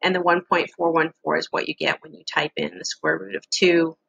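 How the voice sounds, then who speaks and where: A middle-aged woman giving a casual, halting lesson walkthrough with frequent pauses, as an instructor on a screen-share recording. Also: sits low, steady tone, creaky, fairly bright tone, lo-fi sound.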